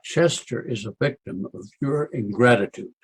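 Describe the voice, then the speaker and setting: A husky voice, a man acting a crusty town doctor in a western radio play. He is American and speaks his mind in a wry, needling, emphatic way. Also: medium pitch, normal speed, poor audio. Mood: scolding.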